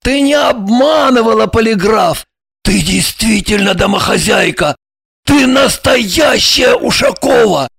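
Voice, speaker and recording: A woman voicing a gruff, exasperated male intelligence officer in an audiobook, scolding and scornful in tone. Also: a little high, animated, a little slow, no echo, shouting, voice pushed up, heavily acted. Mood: indignant. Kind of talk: audiobook character voice.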